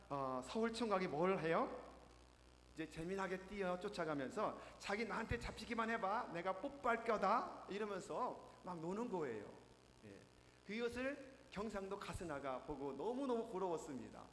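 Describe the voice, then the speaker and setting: A man preaching a sermon as pastor, telling jokes with lively storytelling and acting them out. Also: a little high. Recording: echoey hall, faint noise.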